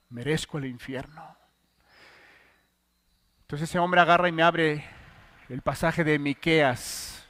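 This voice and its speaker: A middle-aged man with a Mexican Spanish accent preaching a sermon, moving between loud pleading and hushed, intimate testimony. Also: on the high side, clean tone.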